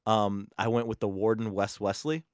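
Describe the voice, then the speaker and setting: Awkward, halting podcast guest, man. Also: fairly even intonation, no echo, studio quality. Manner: self-described awkward, halting with many restarts; jumps high and loud when acting out stories. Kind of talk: casual podcast conversation.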